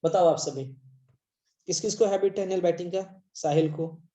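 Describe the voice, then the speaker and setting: An online English teacher in a live class, explaining and constantly checking that students follow, reading English lines slowly. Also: mid-range voice, steady tone, dark tone. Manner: mixes Hindi and English, constantly checks understanding.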